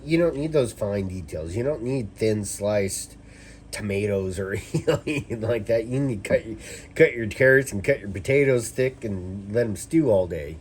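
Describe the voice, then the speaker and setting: A man's voice: on the low side, a little mellow. A man giving a casual, rambling product review, loose and tipsy as if he has been drinking, and swearing freely. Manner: casually profane. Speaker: knife reviewer. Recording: noticeable background noise with clicks.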